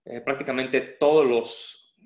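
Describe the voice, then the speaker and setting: A young man with a Mexican Spanish accent talks through a webinar presentation, explaining each point earnestly and often pausing to restart his phrasing. His voice sits at an ordinary pitch for a man. The audio is dull and roomy, like a laptop mic on a video call. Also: fairly even intonation, darkish tone. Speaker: guest presenter. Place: indoor room, on a video call.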